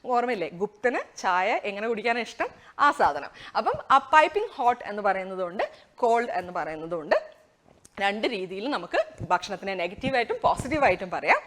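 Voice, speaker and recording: A woman with a Malayali accent runs a casual English lesson, her pitch swinging freely up and down as she explains. She laughs between points and stretches the example sentences out slowly and carefully. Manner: chatty, lively, laughs while explaining; slows down to model English words and sentences. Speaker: English teacher.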